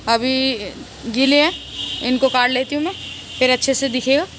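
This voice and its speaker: A woman's voice: high voice, steady tone, moderate pace, noisy background. A woman vlogging to her viewers outdoors, gloating and laughing often as she talks. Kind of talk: casual vlog monologue. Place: outdoors, open weather around.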